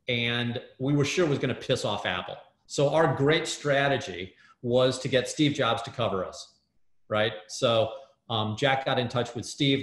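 A man, a guest in an interview, telling a story in an animated way with many fillers and restarts over a video call. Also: medium pitch. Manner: excitable, lots of fillers and restarts. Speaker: guest, startup hardware builder. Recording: roomy echo.

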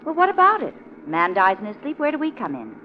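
An actress playing a brisk, skeptical young secretary in a 1940s radio drama. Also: female voice, a little high, huge pitch swings. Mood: curious. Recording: dull, faintly noisy vintage radio recording.

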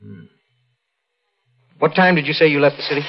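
A man's voice: fairly high pitch, moderate pace. A man playing a curt, suspicious state trooper questioning a driver in 1940s radio drama style. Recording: dull old radio recording.

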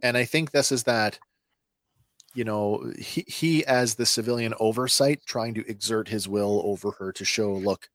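A man co-hosting a podcast, reading a scripted episode recap with lively stresses and then chatting casually. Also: fairly low pitch, moderate pace, dry recording, clean studio sound. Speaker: podcast co-host.

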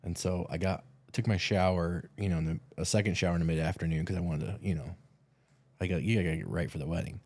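A man's voice: deep voice, steady tone, fast talker, a little mellow, no echo. A man co-hosting a podcast, tired after a red-eye flight, chatting casually and telling rambling stories with many restarts. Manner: laid-back storyteller, frequent restarts. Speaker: podcast co-host. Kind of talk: casual chat.

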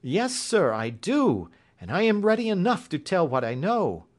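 Guy doing gaunt servant lady, folksy n insistent, high liltin voice, audiobook. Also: very animated, normal speed. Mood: earnest. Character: tall gaunt servant woman, plain-spoken and knowing.

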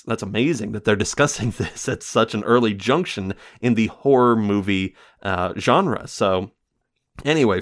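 Low-voiced man rambling through a film review. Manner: rambling, lots of fillers and self-corrections, laughs often.

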